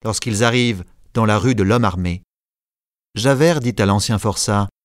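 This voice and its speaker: A man narrating a classic story in a measured reading, giving short lines to the characters. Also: fairly low pitch, dry recording, studio quality. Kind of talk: scripted narration.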